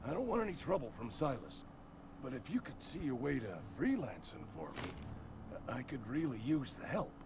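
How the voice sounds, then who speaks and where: Grumpy, fretful old man, lively swooping pitch. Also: normal speed, noisy background. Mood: pleading. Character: grumpy, fretful sickly old man, fearful and self-pitying. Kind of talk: video game character dialogue.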